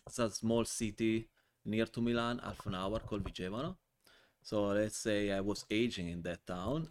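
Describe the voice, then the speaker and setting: A man in his forties from Italy with an Italian accent, a guest telling animated, joking stories in a casual podcast interview. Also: fairly low pitch, slight background noise. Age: 40s. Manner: animated, joking storyteller in non-native English. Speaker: guest, wine importer.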